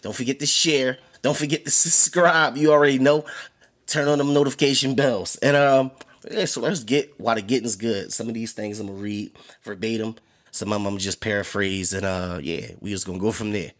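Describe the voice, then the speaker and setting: A man's voice: mid-range voice, fairly even intonation, fairly quick, a bit bright. A man hosting a casual chat show, talking in a laid-back, slangy way and laughing often. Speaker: podcast host.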